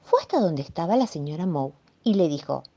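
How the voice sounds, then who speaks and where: A woman with a Rioplatense accent reading a children's story, expressive and playful, asking the listener questions. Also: on the low side, a little fast. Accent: Rioplatense Spanish. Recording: dull lo-fi recording.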